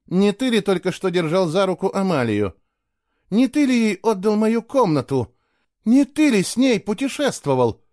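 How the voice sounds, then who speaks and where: Guy doing a high voice for a jealous young woman, accusing, pleading, dry sound. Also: animated, moderate pace, mellow, no room sound, natural voice. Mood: hurt, indignant.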